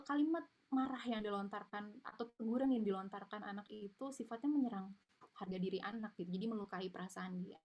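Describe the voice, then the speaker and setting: A woman's voice: on the high side, darkish tone. A woman giving an informal online parenting lecture, chatty and explanatory, with frequent tag fillers, over a video call mic. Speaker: parenting webinar speaker.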